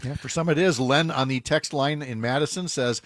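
A man's voice: medium pitch, fairly quick, fairly bright tone, no echo, studio quality. A man hosting a morning radio talk show, chatting casually and jokingly with many fillers and restarts.

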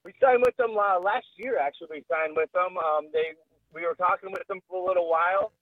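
A man's voice: high voice, fairly quick, no room sound. A man in a band calling into a radio show on speakerphone, answering hesitantly with many ums and uhs. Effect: heard over speakerphone. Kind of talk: casual radio phone interview. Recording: tinny phone line.

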